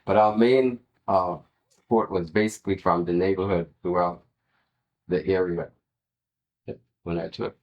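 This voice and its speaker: A man's voice: low-pitched, fairly even intonation, unhurried, pauses often, lo-fi sound. A man giving an oral history interview, sharing recollections as an interviewee.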